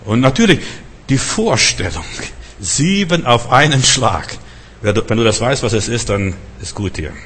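Husky middle-aged guy preaching, keeps firing questions at the crowd, fairly ordinary pitch. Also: big pitch swings, moderate pace, a bit bright. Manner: urgent, repeated rhetorical questions. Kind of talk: sermon.

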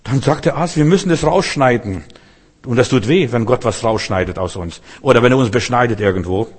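Husky preacher guy, fervent sermon, loud then quiet, keeps asking the listener stuff. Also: fast talker. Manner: fervent, swings between loud outbursts and low murmurs; addresses listener directly with questions.

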